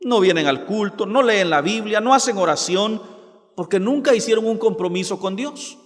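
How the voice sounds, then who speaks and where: A man preaching a sermon, slowing down to quote scripture dramatically. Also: high-pitched, animated, big-room sound. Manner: preaching with dramatic slow quotations.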